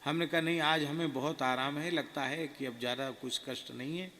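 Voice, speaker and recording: A man preaching a devotional sermon, telling a personal story in a slow, earnest first-person way. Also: fairly high pitch, pushed and bright. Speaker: spiritual preacher. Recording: reverberant hall with faint noise.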